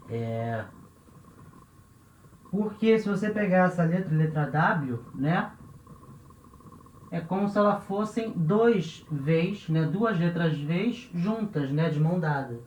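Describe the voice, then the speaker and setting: A Brazilian man gives a classroom-style language lesson, patiently repeating each example word and checking in with the listener after nearly every phrase. His voice is fairly high with a darkish tone, and the recording is roomy, dull, and lo-fi with slight background noise.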